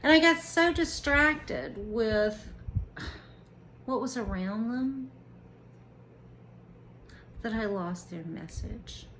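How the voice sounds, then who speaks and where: A woman vlogger speaking earnestly and deliberately about her own experience, with occasional restarts. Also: on the high side, fairly bright tone, a little hiss or hum, poor audio. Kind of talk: personal reflective monologue to camera.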